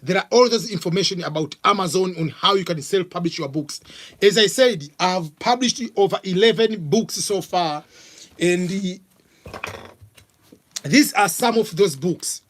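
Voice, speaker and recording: A middle-aged man from Tanzania, speaking with a Tanzanian accent and a voice that sits high, hosts a live vlog. He answers viewer questions in a casual Q&A, stumbling along with many fillers.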